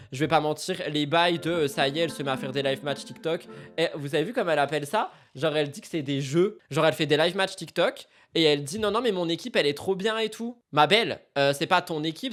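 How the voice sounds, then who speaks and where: A man chats through a live stream in a casual, sarcastic way. He keeps slipping into loud, mock-outraged rants at the people watching. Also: fairly high pitch. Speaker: streamer reacting to celebrity news.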